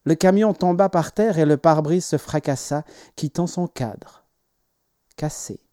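A man narrates an audiobook in a measured, expressive reading, his voice sitting a little high for a man. The sound is close and dry, with no room echo. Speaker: audiobook reader. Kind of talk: scripted narration.

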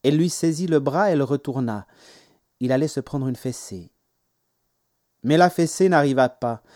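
A man reading stories aloud as an audiobook narrator, in a measured, expressive way. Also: mid-range voice, dry recording, studio quality. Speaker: audiobook reader. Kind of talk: scripted narration.

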